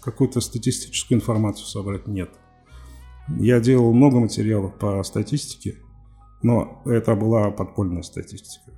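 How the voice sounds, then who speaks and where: A man's voice: lowish voice, steady tone, moderate pace, warm tone, faint music behind. A man in his forties, a TV journalist speaking as a podcast guest, talking candidly and with a defiant, wry edge. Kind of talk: candid interview talk.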